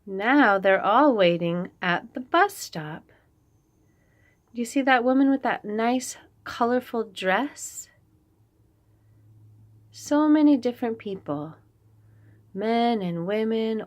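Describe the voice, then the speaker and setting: A woman reads to young kids from a picture book in a slightly high voice, going slowly and leaving long pauses. As host of the read-aloud, she keeps her page descriptions short and simple and asks the listener questions.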